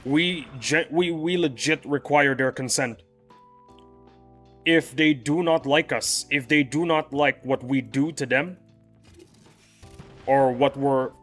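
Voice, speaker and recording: In his livestream, a young male gamer chats casually with viewers and often restarts his sentences. His voice is fairly high and fairly bright, with faint music behind him.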